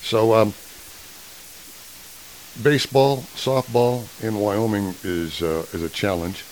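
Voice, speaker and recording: A man with a fairly low voice hosts a casual interview, teasing his guests with dry jokes. A faint hiss runs under the recording. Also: steady tone, slow, darkish tone, poor audio. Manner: wry, joking. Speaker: interview host.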